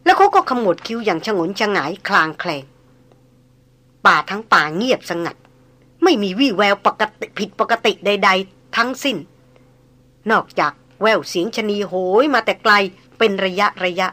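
A woman reading an adventure novel aloud with steady dramatic narration. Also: medium pitch, normal speed.

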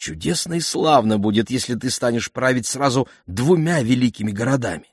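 A man voicing a gracious, affectionate queen who speaks gently and persuasively. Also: mid-range voice, expressive, fairly quick, breathy edge, dry recording, studio quality, pitched above the performer's own voice.

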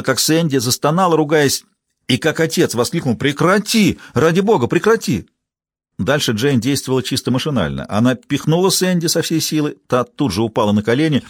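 A man narrating an audiobook with an expressive reading style. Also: medium pitch, breathy edge, no room sound, studio quality.

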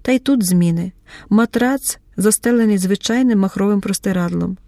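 A woman narrating a novel in measured literary style, at times dropping to a whisper. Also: medium pitch, dark tone, dry recording, studio quality. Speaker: audiobook narrator.

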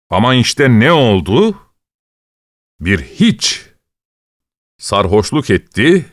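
A man's voice: mid-range voice, dry recording, clean studio sound. A man voicing a weary police commissioner who talks in a resigned, sighing way.

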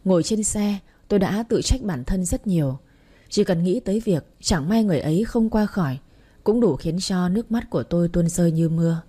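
A woman tells a romance story in the first person, her voice low-set, mellow and husky. The reading is tender and emotional, close on the mic. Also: animated, fairly quick.

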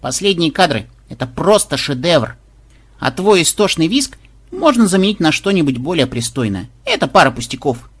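A man voicing an earnest young granddaughter who calls out urgently, in a husky voice. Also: a little high, very animated, normal speed, pitched above the performer's own voice. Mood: calm. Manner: urgent pleading cries.

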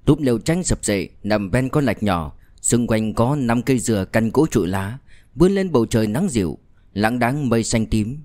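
A man narrates a crime novel in a measured, storytelling voice of ordinary pitch. He reads steadily and clearly. The recording is dry and close, with no room sound. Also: animated, a little mellow, dry recording. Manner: measured, with fillers in asides. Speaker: audiobook narrator.

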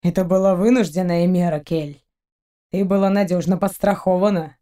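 A woman voicing a calm, teasing alien man, a quiet schemer, in an audiobook. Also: fairly low pitch, moderate pace, pitched below the performer's own voice, lightly acted.

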